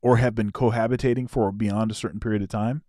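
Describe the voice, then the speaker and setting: A man's voice: on the low side, steady tone, fast, mellow, dry recording, studio quality. A man co-hosting a casual reaction show, talking things through and often repeating his words as he explains. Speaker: co-host.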